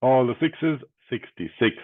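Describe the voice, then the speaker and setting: A man's voice: medium pitch, unhurried, no room sound. An Irish man working as a bingo caller, calling out numbers digit by digit and then whole, with traditional rhymes. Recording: thin, phone-like band-limited sound.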